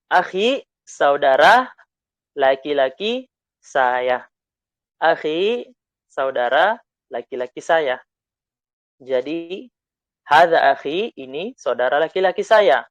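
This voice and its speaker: A man with an Indonesian accent teaching Arabic, reading lines slowly and loudly for students to repeat, then explaining in quick asides. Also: a little high, expressive, dry recording, muffled recording. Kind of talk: online Arabic lesson, reading dialogue aloud.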